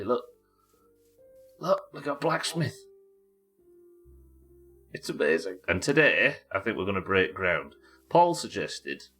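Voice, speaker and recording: A man with a head cold sniffles through his livestream, casually narrating his gameplay, thinking aloud, and talking to viewers and his in-game pets. His voice is low-pitched, husky, and sharp in tone.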